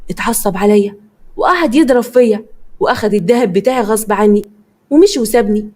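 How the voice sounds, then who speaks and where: Rapid-fire Egyptian woman storyteller. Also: mid-range voice, warm tone. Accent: Egyptian Arabic. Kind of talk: first-person story narration.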